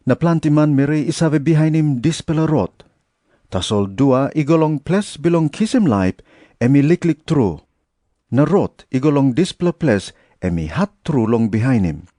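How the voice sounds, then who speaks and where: Mellow Papua New Guinean man reading scripture. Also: mid-range voice, no room sound, clean studio sound. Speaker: Bible reader.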